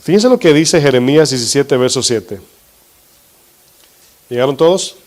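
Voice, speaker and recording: A man's voice: medium pitch, expressive, a little mellow. Man preaching a teaching sermon. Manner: teaching with questions to the congregation; slows for emphasis on scripture. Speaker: pastor.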